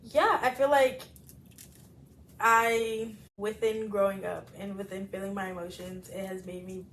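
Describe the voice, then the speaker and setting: A woman in her twenties co-hosting a casual podcast, telling stories in an animated way with lots of laughter and fillers. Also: medium pitch, a little slow, a little hiss or hum. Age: 20s. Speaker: podcast co-host. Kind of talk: casual chat.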